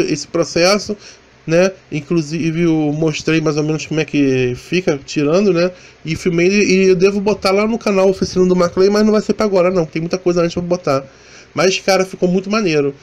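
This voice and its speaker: A man with a fairly high voice and a Rio de Janeiro accent talks through his motorcycle vlog as a relaxed voice-over. He rambles along in casual chat, trailing off and restarting his sentences often. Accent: Rio de Janeiro Portuguese. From Brazil. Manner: rambling, chatty, many restarts and fillers. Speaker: motovlogger. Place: voice-over, not recorded on the ride.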